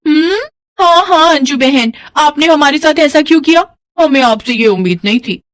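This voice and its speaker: A woman voicing a nosy neighbor woman who gossips and taunts in a sing-song, drawn-out way. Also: very high voice, sing-song, dry recording, voice pushed up, full character voice. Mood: taunting.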